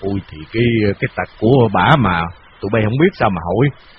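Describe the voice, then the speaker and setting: Guy reading as grumpy old man, quick nervous grumbling, lo-fi audio. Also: lowish voice, lively intonation, noisy background, close to an everyday voice. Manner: grumbling, hurried.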